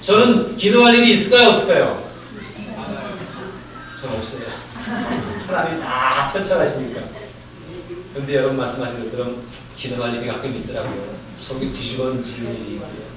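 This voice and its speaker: In a church sanctuary, a male pastor delivers a conversational sermon, quizzing the congregation with rhetorical questions and shifting between lively, raised passages and quiet asides. His mid-range voice moves at a moderate pace with long pauses. The room is very echoey and the mic sits far away.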